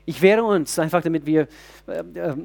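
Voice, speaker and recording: Preaching man, halting restarts. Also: fairly high pitch, gravelly, darkish tone. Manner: searching restarts, rhetorical questions to the congregation. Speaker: pastor. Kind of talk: sermon.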